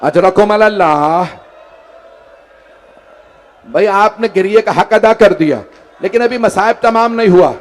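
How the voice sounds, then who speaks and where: High-voiced cleric reciting a mournful sermon. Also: male voice, normal speed. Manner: dramatic, rising to wailing shouts at climaxes; pleading with the audience. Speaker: Shia cleric reciting majlis. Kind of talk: Muharram majlis sermon, tragic narration.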